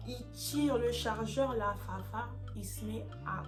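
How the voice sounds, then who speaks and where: A young woman from France telling a dramatic storytime in a casual vlog, in lively, slangy street talk. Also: on the high side, slow. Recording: music playing underneath.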